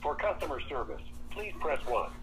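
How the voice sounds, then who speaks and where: A man's voice: a little high, moderate pace. A man's voice in a recorded phone menu message, giving polite, formal, scripted announcements. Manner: polite, even, formal delivery.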